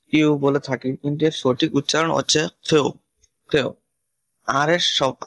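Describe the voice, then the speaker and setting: A man teaching English pronunciation, reciting letters in a steady, list-like way. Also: fairly high pitch, vocal fry, no echo, poor audio. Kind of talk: scripted pronunciation lesson.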